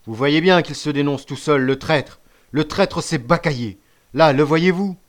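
A man voicing a fierce boy gang chief who shouts accusations and threats. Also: medium pitch, a little fast, close to an everyday voice. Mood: furious.

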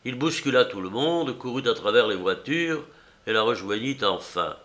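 A man reading a novel aloud as narrator, in a measured, steady storytelling manner. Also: medium pitch. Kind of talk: audiobook reading.

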